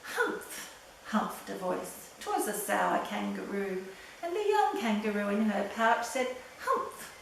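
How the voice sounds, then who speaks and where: A woman reading a rhyming children's story aloud as an expressive storyteller. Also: medium pitch, unhurried, creaky. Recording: very echoey room, distant, faint noise.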